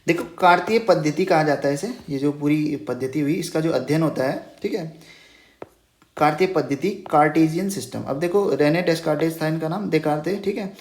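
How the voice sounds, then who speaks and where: A patient male teacher gives a Hindi math lesson at a whiteboard in a roomy, echoing space. His voice is fairly high and darkish at a moderate pace, and he says "ठीक है" after nearly every phrase, repeating key terms as questions.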